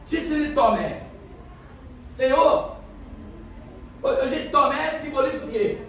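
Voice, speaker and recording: High-voiced pastor in an echoey hall. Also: male voice, slow pace, fairly bright tone, a little hiss or hum. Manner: explains and quizzes the congregation. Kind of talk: sermon. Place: church hall. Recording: echoey church hall, mic from a distance.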